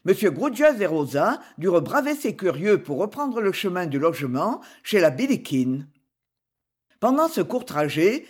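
Brief: woman audiobook reader, mid-pitched, lively, storytelling tone. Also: slightly rough. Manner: expressive literary narration. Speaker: narrator. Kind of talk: audiobook novel reading.

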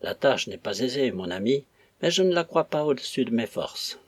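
A man reading a novel aloud, voicing a learned priest who justifies himself in measured, formal speech. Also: mid-range voice, very animated, husky, no echo. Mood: measured justification. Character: learned priest, composed, embarrassed, self-justifying. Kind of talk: audiobook reading.

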